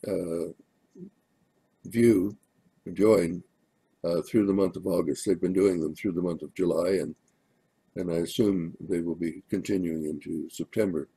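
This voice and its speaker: An older minister giving church announcements in a hesitant way, with many pauses and fillers. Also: male voice, deep voice, vocal fry, dark tone, husky. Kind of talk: sermon announcements.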